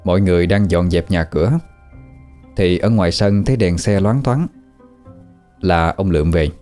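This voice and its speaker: Deep-voiced male horror storyteller. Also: normal speed, dark tone, faint music behind. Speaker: narrator.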